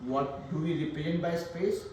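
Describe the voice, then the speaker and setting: A man's voice: on the high side, steady tone, moderate pace, a little mellow, slight background noise. A man teaching a math class, mixing pep talk with dad jokes and talking straight to his students. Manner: joking, motivational, addresses class directly. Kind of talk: classroom lesson. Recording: echoey classroom from far off.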